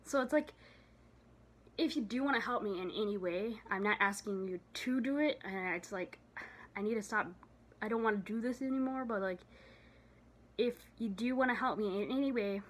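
A woman's voice: medium pitch, normal speed, long pauses. Tired young woman rambling into her phone. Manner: rambling, filler-heavy, trailing off. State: tired, out of breath. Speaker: vlogger. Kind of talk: casual vlog chat. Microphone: phone camera.

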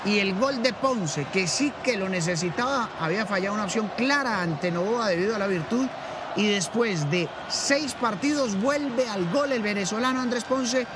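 A man's voice: high voice, lively intonation, normal speed. A man commenting on a football match as an analyst. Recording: broadcast over noisy stadium ambience.

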